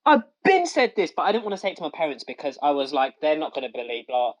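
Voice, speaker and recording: Low voiced woman on a podcast, slangy, swings her pitch a lot. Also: racing, dull audio. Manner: slangy, animated, says "bruv" a lot. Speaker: podcast co-host. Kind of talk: casual chat.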